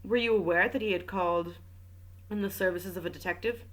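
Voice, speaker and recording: A woman's voice: on the low side, fairly quick, close to an everyday voice, rough recording. A woman voicing a formal, probing male French magistrate in a casual read-aloud of a mystery novel. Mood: questioning. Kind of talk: audiobook reading with commentary.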